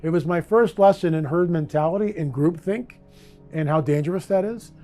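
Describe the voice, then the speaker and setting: A man with a fairly high but mellow voice tells a personal story in an animated way. His delivery is vivid and expressive. Quiet music runs underneath. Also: moderate pace. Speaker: interviewee. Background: faint music.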